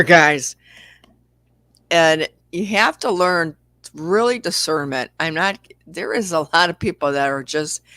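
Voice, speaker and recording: Bright, forceful chat-show host. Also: medium pitch, no echo, clean studio sound. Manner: candid, rambling, reads out viewer comments. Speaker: livestream host. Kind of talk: casual spiritual chat.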